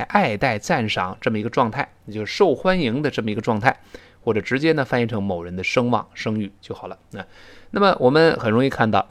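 Male English teacher, animated lecturing tone, many filler words, drawn-out careful model readings. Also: medium pitch. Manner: explains at length, many "this, this" fillers; reads English examples slowly and carefully. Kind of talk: recorded language lesson.

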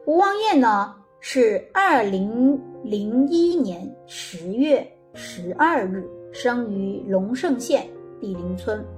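A woman hosting and narrating a story in a gentle, conversational way, with small filler pauses. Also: a little high. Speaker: host. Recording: faint background music.

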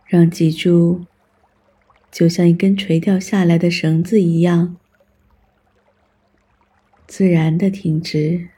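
A meditation guide with a strongly breathy, husky voice. The delivery is very slow and soothing, leaving long pauses between short scripted instructions. The tone is mellow and calm throughout. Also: mid-range voice.

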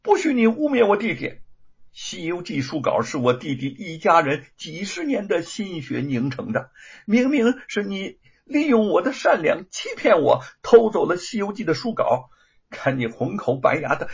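A man's voice: lowish voice, huge pitch swings, normal speed, fairly bright tone, slightly rough, highs cut off, voice pushed down, full character voice. A man voicing an angry, righteous elder sister in a told story, accusing and stuttering with rage. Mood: furious. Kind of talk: storybook character voice.

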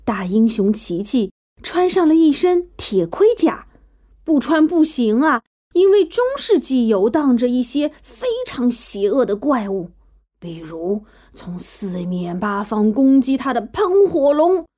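A woman tells a children's story in a high voice that leaps up and down in pitch. Her tone is soft and mellow rather than bright, and her reading is playful and expressive over gentle background music. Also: measured pace. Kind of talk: children's bedtime story narration.

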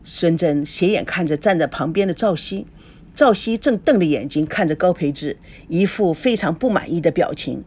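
Woman narrator, audiobook novel, expressive, animated pitch. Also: moderate pace, husky. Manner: expressive storytelling.

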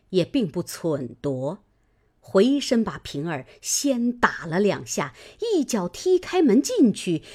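A woman reading a classic novel aloud as an audiobook narrator, with expressive, dramatic storytelling. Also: medium pitch, breathy edge.

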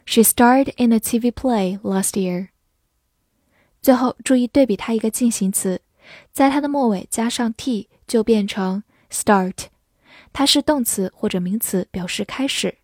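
A woman teaching English vocabulary, spelling words letter by letter and reading sentences slowly for listeners to repeat. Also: medium pitch, a little mellow, no echo, studio quality. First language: Chinese. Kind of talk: slow, careful vocabulary lesson.

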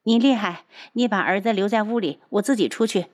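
一位女性朗读者演绎一位撒娇又嘴利的怀孕王妃。. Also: female voice, medium pitch, brisk, a little mellow, natural voice. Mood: coquettish. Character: spirited pregnant princess wife.

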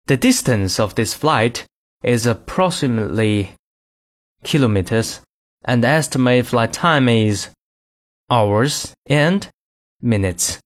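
A man reading scripted in-flight cabin announcements in a formal, measured announcer manner. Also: mid-range voice, animated.

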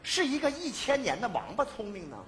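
A man performing a live comedy sketch on stage, pleading and excitable, shouting his punchlines. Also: very high voice, brisk. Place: stage before a live audience. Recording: noisy live stage with audience laughter. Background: audience laughter and hall noise.

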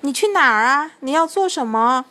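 A woman's voice: on the high side, normal speed, lightly acted. Santa Claus voiced by a woman, kindly and hearty. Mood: worried. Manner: hearty calls, grumbling.

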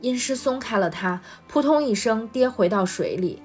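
A woman reading a storybook chapter aloud in a steady, expressive voice. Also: on the high side, normal speed, husky, soft background music. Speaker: guest reader.

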